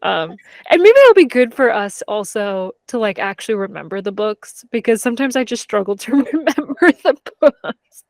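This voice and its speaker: Very animated and slightly mellow, a woman with a voice on the high side talks books at a moderate pace in a dry recording. She co-hosts a podcast, chatting casually and candidly with friends and using "like" constantly.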